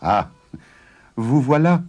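A man's voice: medium pitch, sing-song, slow, darkish tone, soft background music, pitched above the performer's own voice. A man voicing a stubborn, sly farmer in a storybook tale.

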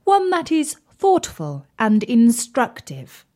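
A woman's voice: on the high side, wildly swooping pitch, slow, darkish tone, voice pushed up, heavily acted. A woman voicing a gracious, refined royal Sultana in a fairy tale.

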